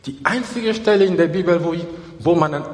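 Emphatic preacher with a ringing hall echo. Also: male voice, sits high, brisk. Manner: emphatic, repeats key phrases. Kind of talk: sermon. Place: church.

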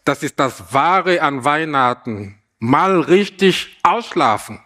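A man's voice: a little high, expressive, slow pace, sharp tone, heavily acted. A man doing a drowsy lazy badger.

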